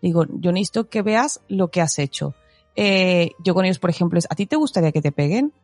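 A woman in her thirties chatting about parenting, telling stories with animated acted-out quotes. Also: lowish voice, fairly quick, no echo, soft background music. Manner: animated storyteller, acts out quotes with laughter. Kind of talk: casual parenting chat.

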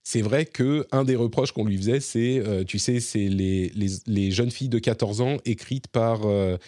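A man co-hosting a casual live stream chat about video games, talking in a relaxed, hesitant way with many fillers and restarts. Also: on the low side, moderate pace, dry recording, studio quality. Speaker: gaming stream co-host.

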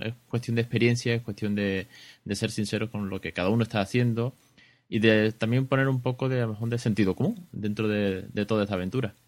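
Low-voiced man hosting a casual podcast. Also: no echo. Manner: relaxed, rambling with restarts. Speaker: podcast host.

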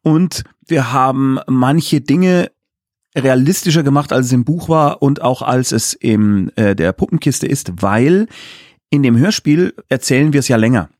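An audio drama director, interviewed casually as a guest, explains things in chatty, enthusiastic detail. His medium-pitched voice is a little mellow, with lively intonation and a measured pace, in a dry, studio-quality recording.

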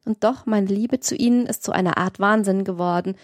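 A woman's voice: medium pitch, a little fast, no echo, clean studio sound, natural voice. A woman voicing an imploring young man in a passionate love scene of an audiobook. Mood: pleading. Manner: fervent, imploring. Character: passionate pleading young male lover.

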